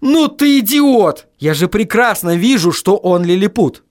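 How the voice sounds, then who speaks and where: A man voicing an exasperated young man yelling down the phone in an audiobook reading. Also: on the high side, very animated, slow, no room sound, studio quality, full character voice. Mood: indignant.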